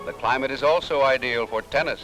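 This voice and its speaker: A man's voice: mid-range voice, brisk, poor audio. A man giving vintage newsreel narration in an upbeat promotional tone. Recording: narration over loud music.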